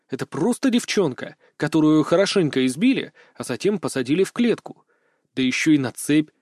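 A man's voice: on the high side, darkish tone, dry recording, studio quality. Man narrating a first-person audiobook.

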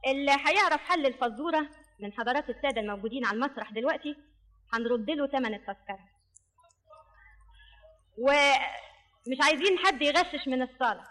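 A high-voiced woman with an Egyptian accent runs a live stage quiz show. She calls up contestants in a brisk, directing tone and recites rhyming riddles in a lilting sing-song. The performance takes place on a theatre stage. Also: expressive, a bit bright. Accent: Egyptian Arabic.

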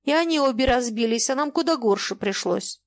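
A woman's voice: on the high side, lively intonation, fairly quick, dry recording, voice pushed up. A woman voicing a guilt-ridden river captain who speaks in a deferential, plodding folksy way. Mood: apologetic account. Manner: deferential, plodding, apologetic common speech.

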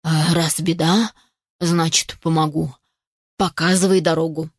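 A woman voicing a kindly, hard-of-hearing old male grouse with a croaky manner. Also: low voice, flat delivery, a little slow, no echo, clean studio sound, voice pushed down. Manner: croaky, grandfatherly.

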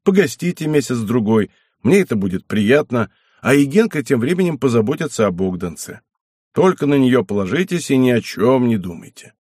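A man voicing a kind, cheerful nobleman in an audiobook, with a warm, coaxing, lively manner and a husky voice. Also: medium pitch, normal speed, dry recording, studio quality. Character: kind hearty middle-aged nobleman, cheerful. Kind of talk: audiobook character reading.

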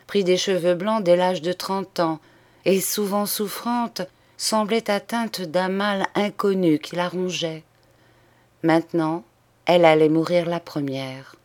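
A woman narrates a classic short story with slow, careful pacing. Her lowish voice stays measured and expressive. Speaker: audiobook reader. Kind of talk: literary story reading.

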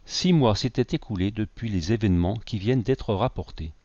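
A man narrating a novel aloud in a measured, expressive reading. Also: on the low side, no echo. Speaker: audiobook narrator. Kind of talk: scripted narration. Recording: dry, slightly dull recording.

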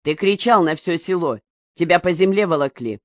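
A woman's voice: fairly low pitch, expressive, normal speed, no room sound, natural voice. A woman reading an audiobook, voicing a stern rural wife who answers curtly and scolds. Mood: scolding. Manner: curt, scolding.

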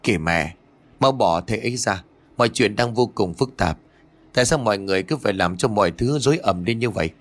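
A man's voice: lowish voice, animated, a little fast, lightly acted. Man doing a nervous dad pleading with his family, ghost story audiobook. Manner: pleading and flustered. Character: anxious, pleading middle-aged father.

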